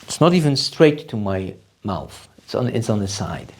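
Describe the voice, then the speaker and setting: A vlogger casually testing a wireless microphone, repeating test phrases and sometimes half-shouting, while uneven auto gain makes the loudness jump up and down. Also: medium pitch, sing-song, normal speed. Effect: uneven auto gain, loudness jumping up and down. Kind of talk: casual unboxing and gear test.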